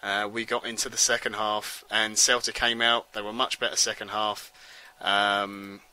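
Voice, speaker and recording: A man's voice: lowish voice, flat delivery, moderate pace, pushed and bright, poor audio. A man hosting a football podcast, talking through a match in a casual, rambling way with lots of ums and restarts. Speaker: podcast host.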